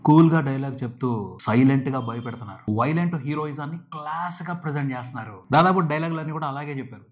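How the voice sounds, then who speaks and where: Rapid-fire, hyped male film commentator. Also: medium pitch. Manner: emphatic and hyped, piling up short exclamations. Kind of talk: enthusiastic film trailer review.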